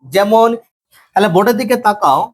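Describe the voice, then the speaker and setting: High-voiced man teaching Arabic grammar. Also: animated. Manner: slow, drawn-out pronunciation of examples; repeats points and tells students to listen. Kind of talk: classroom grammar lecture.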